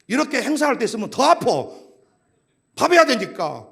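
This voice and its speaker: A man preaching at a revival rally, joking and shouting his points, sometimes breaking into a half-sung line. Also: extremely high pitch, brisk, vocal fry. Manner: animated and joking, shouts and half-sings for emphasis. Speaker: pastor.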